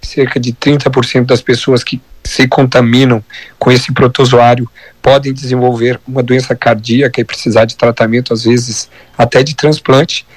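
A hoarse Brazilian man, a doctor giving a measured, didactic health column on live radio. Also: mid-range voice, little pitch movement, dry recording. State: hoarse from viral laryngitis.

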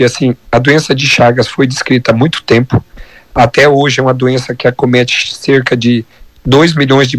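Hoarse Brazilian man explaining, dry sound. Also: mid-range voice, no echo, rough recording. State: hoarse from viral laryngitis. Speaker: doctor and health columnist. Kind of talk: live radio health column, explanatory.

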